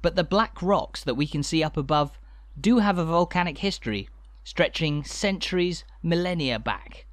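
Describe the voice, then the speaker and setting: A man with a slightly high voice narrates a walking tour from a script. His delivery is measured and informative, with a light, dry humour. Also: dry recording.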